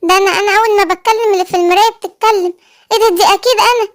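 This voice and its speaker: A woman's voice: fairly even intonation, very fast. A woman with an Egyptian accent voicing a sleepy, anxious little girl cow in a children's cartoon story. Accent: Egyptian Arabic. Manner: squeaky childlike voice.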